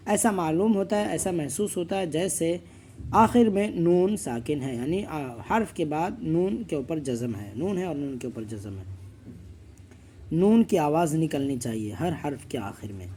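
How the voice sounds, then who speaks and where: High-voiced man drilling letter sounds. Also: expressive, mellow, a little hiss or hum. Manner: drills each letter slowly, then explains rules quickly. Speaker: Quran reading teacher. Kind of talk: slow letter-by-letter recitation lesson.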